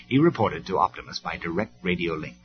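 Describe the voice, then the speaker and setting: A man from the UK narrating a story from an audio cassette in a dramatic, measured way. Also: low voice, lively intonation. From United Kingdom. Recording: dull lo-fi cassette recording with faint music.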